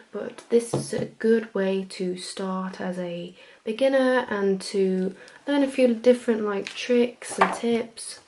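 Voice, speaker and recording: Chatty female librarian, acted by a woman, gentle ASMR role-play, dark relaxed tone, noisy recording. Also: mid-range voice, lightly acted. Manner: soft-spoken, gentle, informal. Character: friendly, chatty female librarian recommending books.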